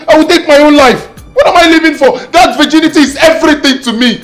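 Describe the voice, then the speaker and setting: A frantic, panicky young husband. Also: male voice, extremely high pitch, quick pace, soft background music. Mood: distraught. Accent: Nigerian. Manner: overwrought, repetitive pleading. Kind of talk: film comedy acting.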